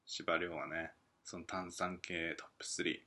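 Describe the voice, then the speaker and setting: A man hosts a relaxed solo podcast from home late at night, thinking out loud in a rambling way. His voice sits a little low but sounds bright and clear. He chuckles now and then as he works through listener mail. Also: normal speed. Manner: rambling, musing aloud with chuckles. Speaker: podcast host.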